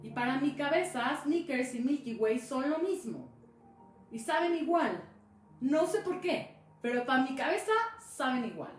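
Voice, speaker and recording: A woman's voice: sits high, animated, moderate pace. A woman telling a personal story casually on a live stream, acting out the dialogue as she goes. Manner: chatty, acts out dialogue in the story. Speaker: speaker sharing a personal experience. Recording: echoey room with music behind.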